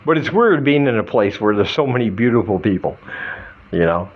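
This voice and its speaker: A middle-aged American man from Michigan, slightly drunk, rambling through a halting, self-deprecating comic monologue as a vlogger. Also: fairly low pitch, animated, muffled recording, slight background noise. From Michigan, United States.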